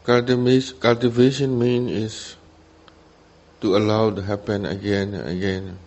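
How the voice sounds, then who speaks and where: A Buddhist monk with a Burmese accent teaches meditation, giving guided instruction in short, simple phrases separated by long pauses. His voice is on the low side, a little mellow, with little pitch movement.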